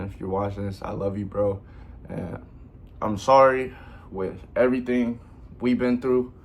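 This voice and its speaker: A young man vlogging in a casual, earnest, rambling way, full of slang and repeated fillers. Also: on the low side. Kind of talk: casual heartfelt vlog talk.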